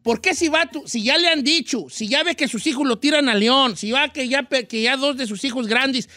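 A man's voice: very high-pitched, moderate pace, sharp tone, no echo, clean studio sound. A middle-aged man with a Mexican Spanish accent, hosting a casual radio advice chat in a slangy, rambling, self-mocking way. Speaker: radio host.

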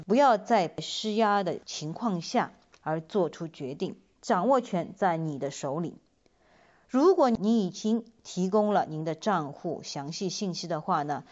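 A woman giving a semi-scripted public safety announcement as a police community liaison officer, measured, instructive and emphatic. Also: fairly low pitch, a little mellow. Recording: dull, band-limited lo-fi voice recording.

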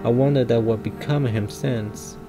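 A man's voice: mid-range voice, fairly even intonation, normal speed, music in the background, lightly acted. A man voicing a guilt-ridden former army soldier, reading his game lines aloud in a plain, somber, confessional way.

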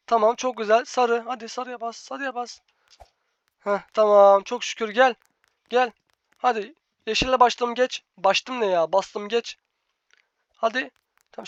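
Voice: medium pitch, fairly bright tone, dry recording, lo-fi sound. A gaming channel host giving live gameplay commentary, bossy and exasperated, repeating instructions over and over to a teammate.

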